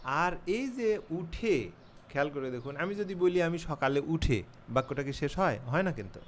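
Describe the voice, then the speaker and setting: A man teaching English grammar in a class video, explaining slowly and patiently, spelling words out letter by letter and pausing often with fillers. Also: mid-range voice, slight background noise.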